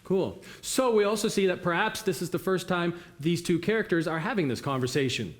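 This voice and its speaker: A man's voice: sits high, a little fast. A man leading an interactive theatre workshop, encouraging volunteers and asking the audience questions. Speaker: workshop facilitator.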